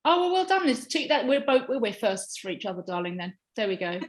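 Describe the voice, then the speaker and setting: A woman's voice: fairly high pitch, big pitch swings, a little fast. A woman co-hosting a casual chat show over a video call, talking effusively. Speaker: co-host. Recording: echoey room on video call.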